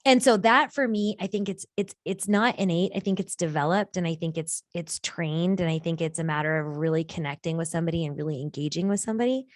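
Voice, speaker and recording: A woman telling a story on a video-call podcast, her voice jumping high whenever she acts out what others said. The recording is dry and close, with no room sound. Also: quick pace, hardly any pauses, no room sound. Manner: lively, acts out quoted people with big pitch jumps. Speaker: guest. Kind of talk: animated storytelling in a podcast chat.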